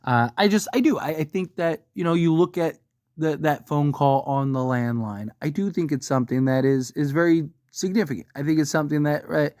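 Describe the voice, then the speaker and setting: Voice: medium pitch, fairly quick, a little mellow, no room sound. Rambling, emphatic film fan in a dry room. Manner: rambling, conversational, emphatic, often seeking agreement with tag questions. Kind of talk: casual opinion commentary on a horror film franchise.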